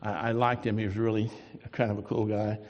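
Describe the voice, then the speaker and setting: A man preaching a sermon as a pastor, moving from quiet reflective asides to loud, emphatic declarations, and ending in prayer. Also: lowish voice, little pitch movement, a little fast, big-room sound, dull audio. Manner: swings from soft musing to loud emphatic preaching.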